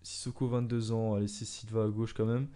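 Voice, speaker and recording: A young man commentating his own soccer video game match, swinging from calm musing to loud excited shouts when the action heats up. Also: fairly low pitch, fairly quick. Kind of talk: excited let's-play commentary.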